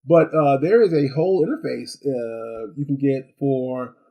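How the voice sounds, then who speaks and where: This gadget reviewer talks through a product casually and without a script, rambling and repeating himself. He's chatty, tossing in rhetorical asides and "right?" check-ins, and his medium-pitched voice is mellow and a little slow.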